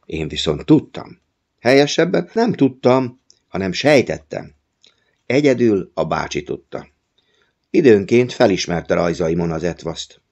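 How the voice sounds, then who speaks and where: Very deep-voiced male audiobook narrator. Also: darkish tone, highs cut off.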